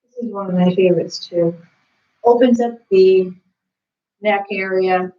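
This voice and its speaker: A woman's voice: medium pitch, a little slow. Woman, casual rambling chat, distant from the mic, roomy and muffled. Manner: chatty, rambling, many fillers. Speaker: workout co-host. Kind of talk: casual chat during a workout.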